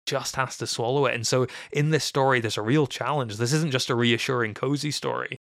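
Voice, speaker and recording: A man's voice: medium pitch, fairly even intonation, brisk, creaky, fairly bright tone, no echo, clean studio sound. A man co-hosting a podcast, explaining a Bible story in a reflective, casual way. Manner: reflective, explanatory, acts out quoted voices. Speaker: podcast co-host.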